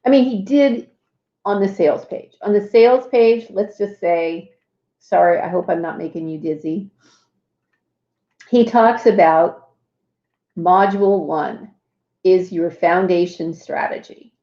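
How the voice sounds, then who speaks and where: A woman hosts a casual live walkthrough and talks slowly, with plenty of fillers and small asides. Her voice sits at a middle pitch. It sounds roomy and a little dull. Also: dark tone. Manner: chatty, lots of fillers and asides. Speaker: host.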